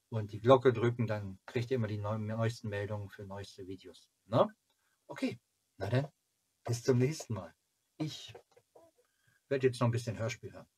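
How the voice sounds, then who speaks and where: With a husky, mid-range voice, a forties-aged man chats loosely to viewers of his children's TV fan club channel, wandering off and thinking aloud. He records indoors in a small cluttered room, using a camera or webcam at arm's length.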